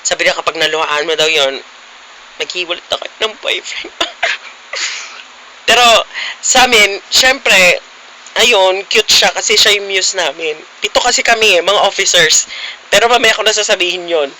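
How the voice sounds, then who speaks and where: A man's voice: high-pitched, moderate pace, long pauses, pushed and bright, poor audio. A young man vlogging casually, teasing his friends playfully with frequent giggles. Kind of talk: casual vlog chat.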